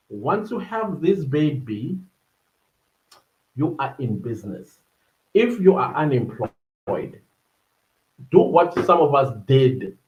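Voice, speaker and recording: A South African man in his thirties hosts a solo podcast, drifting between points and reaching for words with plenty of ums and uhs. His voice sits at an ordinary middle pitch. The sound is roomy and a little muffled. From South Africa, Durban. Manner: rambling, searching for words with many fillers. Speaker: podcast host. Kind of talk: casual solo podcast monologue.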